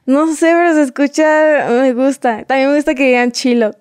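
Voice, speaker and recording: A woman's voice: high voice, fairly even intonation, normal speed, darkish tone, dry recording, clean studio sound. A young woman with a Mexican accent, chatting shyly and giggly as an interview guest. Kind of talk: casual interview chat.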